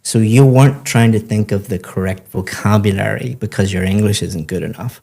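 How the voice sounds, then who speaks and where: A man with a low, mellow voice gives spoken feedback to a student. He coaches English test-taking and explains each point patiently and with encouragement. His tone stays calm and even. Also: brisk, gravelly.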